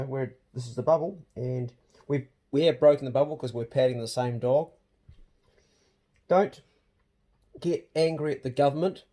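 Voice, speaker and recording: A man vlogging in a broad Kiwi accent. His voice is mellow and relaxed, and he talks in a colloquial, plain-spoken way, like casual chat with his viewers. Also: mid-range voice. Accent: broad New Zealand. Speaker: vlog host.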